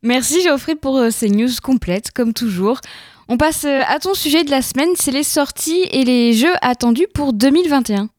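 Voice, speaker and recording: A woman co-hosting a radio show, asking plain questions in a relaxed way. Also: sits high, normal speed, no room sound, clean studio sound. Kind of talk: casual radio chat.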